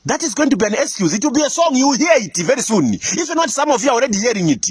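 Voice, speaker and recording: A man with a Zimbabwean accent, his voice sitting very high and husky, lectures his listeners in a scolding, preachy tone. His pitch swings widely from line to line, and he breaks into laughter now and then. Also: sing-song, rapid-fire. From Africa. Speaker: commentator. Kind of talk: impassioned monologue addressing leaders.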